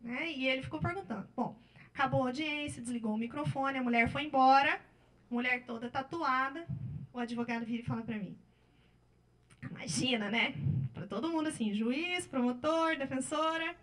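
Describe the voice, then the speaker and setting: A Brazilian Portuguese-speaking public defender gives a workshop lecture with slides, recounting cases in a lively way and often tagging sentences with "né?". Her voice sits high, at normal speed.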